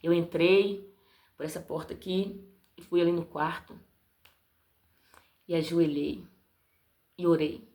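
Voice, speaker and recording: A woman's voice: on the low side, fairly even intonation, slow, long pauses, a little mellow. A middle-aged woman from Brazil tells a personal story of faith to her viewers, earnestly, repeating phrases and calling her listeners "gente". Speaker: vlogger telling a personal story. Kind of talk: emotional personal testimony.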